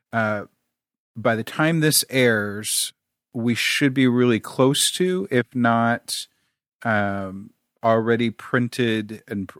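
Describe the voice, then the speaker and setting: Podcast co-host, male, lowish voice, halting casual delivery full of fillers, dry close sound. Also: fairly bright tone, no room sound. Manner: halting, with many fillers and restarts.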